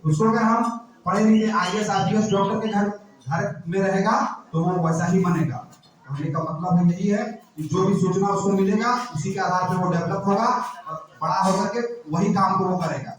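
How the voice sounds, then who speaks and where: Speaking to a crowd, a high-voiced activist from Jharkhand, India, fires off one rhetorical question after another in a steady tone at a moderate pace. The room echoes heavily, the microphone sits at a distance, and a little noise can be heard.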